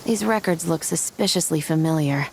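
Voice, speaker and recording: Low-voiced, firm female investigator. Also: a little mellow, slight background noise. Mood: focused, analytical. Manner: measured, firm, matter-of-fact. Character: composed adult female investigator, stern, evidence-minded. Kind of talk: video game voice acting.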